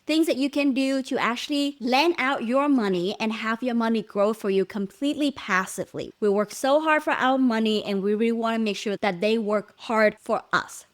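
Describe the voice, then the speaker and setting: A woman in her thirties hosting a podcast interview, upbeat and encouraging. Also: on the high side. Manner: upbeat and encouraging, soft listening fillers. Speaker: podcast host.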